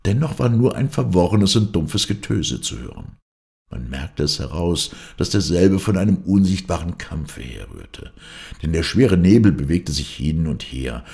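Deep gravelly male audiobook narrator. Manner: lively storytelling, voicing each character's quoted lines. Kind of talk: scripted narration of a classic novel.

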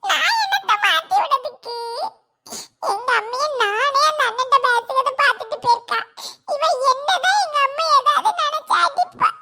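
A voice actor playing a chatty little village girl who fears her mother, with a Kanyakumari Tamil accent and an excitable, half-crying manner. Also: extremely high pitch, moderate pace, heavily acted. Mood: fretful.

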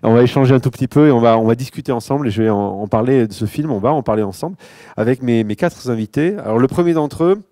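A man's voice: medium pitch, quick pace, mellow. A man moderating a live panel discussion, introducing guests with frequent restarts, self-corrections and light joking asides.

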